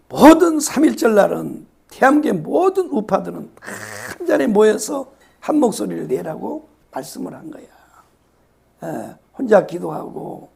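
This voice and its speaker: A hoarse man, preaching a sermon and repeating his phrases with emphasis, sometimes dropping to a whisper. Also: high voice, darkish tone. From South Korea, Yeosu-Suncheon area. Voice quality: raspy. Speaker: pastor.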